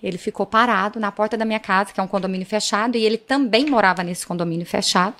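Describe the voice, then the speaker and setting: A woman's voice: medium pitch, quick pace, fairly bright tone. A woman, a police chief being interviewed, telling her story vividly and often speaking to the audience. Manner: vivid, dramatic retelling, often addresses the audience.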